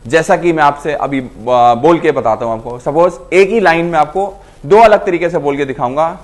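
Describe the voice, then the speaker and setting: A man's voice: fairly high pitch, normal speed. A man teaching acting to camera, explaining in a casual mix of Hindi and English and acting out lines to show his points. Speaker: acting coach.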